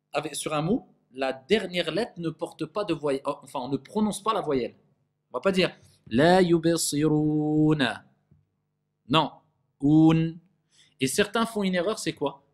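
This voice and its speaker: A man with a fairly high voice teaches a recitation class. He sounds out syllables slowly and repeats them, then fires questions at the students. His recitation has a nasal edge. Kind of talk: classroom tajwid lesson.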